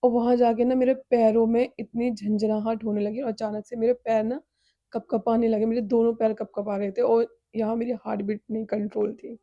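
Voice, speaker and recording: A woman's voice: on the high side, level tone, a little fast, far from the mic, highs cut off. A woman talking in a casual personal vlog at home, earnest, emotional and confiding. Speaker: vlogger. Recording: echoey room, voice from off-mic.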